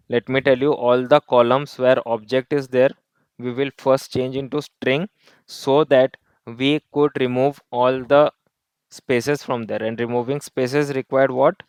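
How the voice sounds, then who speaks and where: A man's voice: medium pitch, darkish tone, smooth, dry recording. A man teaching a coding lesson. He explains each step, repeats key points and drops in Hindi tag words. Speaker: coding tutor. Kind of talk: screen-recorded coding lesson.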